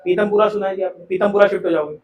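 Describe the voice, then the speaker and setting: The audio is lo-fi and echoey, captured from across the classroom, as a male commerce teacher speaks rapid-fire in a high, bright, steady-toned voice. He throws question after question at the class, calling the students "beta."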